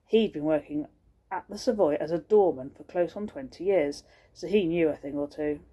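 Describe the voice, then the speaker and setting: A woman teacher reading a storybook aloud to children, expressive and pausing to show the pictures. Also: low-pitched, muffled recording.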